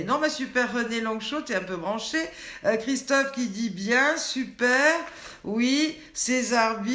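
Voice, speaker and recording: A woman's voice: fairly high pitch, fairly bright tone. Playful older woman quizzing her viewers. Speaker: host of a daily online show. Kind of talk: live chat reading viewer comments. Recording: echoey room.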